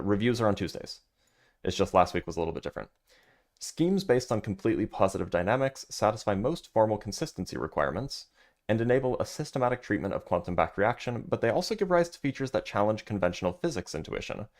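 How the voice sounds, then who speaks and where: Speaking at a quick pace, this man with a very low, deep voice hosts a casual livestream where he works through a physics paper. He alternates between reading passages and chatty, filler-laden tangents aimed at viewers, answering the chat in an easygoing, conversational tone.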